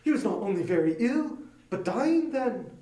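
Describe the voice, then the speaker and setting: Man acting careworn young husband, very high-pitched. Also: very animated, moderate pace, mellow, reverberant. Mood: earnest relief. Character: careworn young husband, gentle, earnest, quietly relieved. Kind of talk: dramatic audiobook reading.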